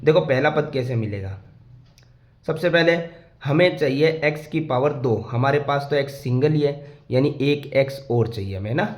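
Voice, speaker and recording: A man's voice: mid-range voice, a little mellow. A man teaching maths step by step, asking his pupils questions and answering them himself, patiently repeating the rules. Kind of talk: step-by-step classroom explanation. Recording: echoey room.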